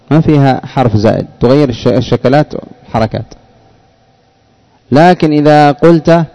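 A man teaching a classroom grammar lesson, speaking slowly, repeating words and quizzing his students. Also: mid-range voice, mellow, dull audio.

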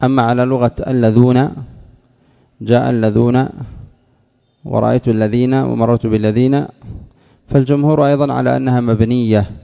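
Gravelly-voiced man teaching in a hall. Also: medium pitch. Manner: measured, repeats phrases to drive points home. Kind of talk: grammar lesson explaining a text. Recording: dull lo-fi sound with long hall reverb.

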